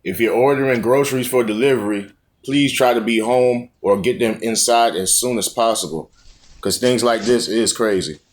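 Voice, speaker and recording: A man's voice: mid-range voice, normal speed. A man narrating video clips with casual commentary, giving informal advice. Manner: informal, advising.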